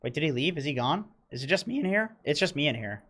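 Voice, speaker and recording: A man's voice: a little high, big pitch swings, quick pace, a bit bright. A man hosting a podcast, teasing and swearing in casual chat while setting up a video call. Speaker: podcast host.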